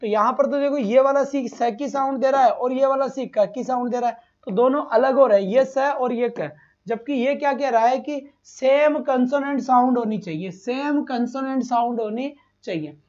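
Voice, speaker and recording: A man's voice: extremely high pitch, normal speed, few pauses, a little mellow. Man teaching, repeating answers to students. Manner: calls students "beta", repeats answers, asks rhetorical questions. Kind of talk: live online exam-prep lesson. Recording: slightly dull lo-fi stream audio.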